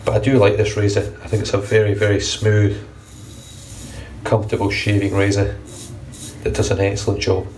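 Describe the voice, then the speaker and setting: A fairly low-pitched man in his thirties, stuffed up and nasal, chats at a normal pace through his shave as a grooming vlogger. He keeps it relaxed and chatty, swearing casually during the how-to talk. The recording, made with a phone's front camera at arm's length in his small, bright bathroom, sounds distant and carries slight background noise.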